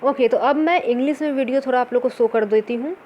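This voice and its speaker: A woman with a high voice teaches an exam-prep lesson. She poses her own questions and answers them, mixing in English terms. Faint noise hums behind her. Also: fast, muffled recording. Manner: mixes English words into her talk.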